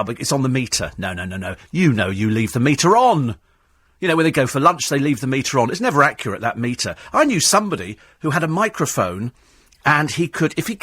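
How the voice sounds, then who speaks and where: A man's voice: on the high side, a bit bright, breathy edge, no room sound. A man, a radio talk show host ranting sarcastically in a studio. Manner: sarcastic, mocks cabbies in put-on voices.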